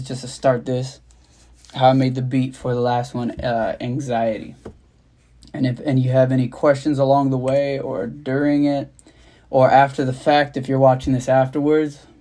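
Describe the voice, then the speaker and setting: With a warm, medium-pitched voice marked by vocal fry, this young man talks at a moderate pace and fairly even intonation. He's a rapper and beatmaker hosting a loose livestream from his home studio, laughing at himself and casually swearing as he rambles.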